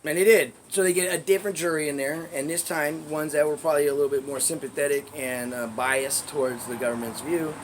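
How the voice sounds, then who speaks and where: A man casually telling a story in a vlog, rambling and swearing, dropping to low asides and then bursting out loudly. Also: fairly even intonation, fairly quick, hardly any pauses, a little hiss or hum. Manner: profane, rambling, loudness swings between low asides and emphatic bursts. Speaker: vlogger telling neighborhood stories.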